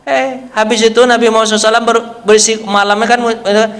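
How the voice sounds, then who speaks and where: A man's voice: high-pitched, little pitch movement, very fast, fairly bright tone. A man preaching to a mosque study circle, telling stories and quizzing his listeners with questions in a manner. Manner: storytelling, quizzing the audience with questions. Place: mosque hall. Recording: long hall reverb.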